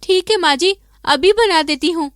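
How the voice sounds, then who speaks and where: A gentle, downtrodden young wife in a cartoon story, voiced by a woman, pleading softly and giving in. Her voice is very high and sounds dry and close. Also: normal speed, no room sound. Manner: pleading, submissive. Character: meek poor young daughter-in-law. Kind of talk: animated story voice acting.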